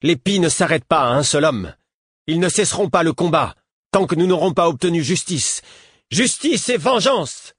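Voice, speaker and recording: Guy reading as a fierce rebel woman, sharp and defiant, husky, dry audiobook sound. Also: mid-range voice, expressive, normal speed, no echo. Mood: vehement.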